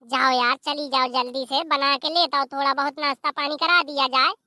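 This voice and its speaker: A voice actor playing an exasperated middle-aged village husband in an animated comedy, scolding and complaining loudly. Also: high voice, a little fast.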